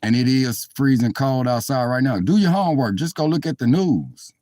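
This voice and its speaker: Chatting live from a chilly car, this man rambles to his viewers with heartfelt apologies. His mid-range voice is expressive and a little mellow at a moderate pace, with no room sound on the dry phone mic.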